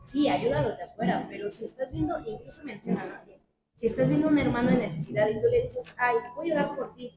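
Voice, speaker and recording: Class participant, a woman, slightly high voice, polite and explanatory, echoey room full of people. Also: lively intonation, quick pace, very noisy. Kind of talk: class discussion comment. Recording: echoey room with a crowd behind.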